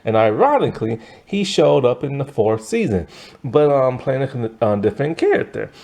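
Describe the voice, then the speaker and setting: Rambling slangy young man, lively pitch. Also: normal speed, vocal fry. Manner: loose and slangy, heavy on fillers, mocking and exasperated. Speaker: TV episode reviewer. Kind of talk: casual rambling recap.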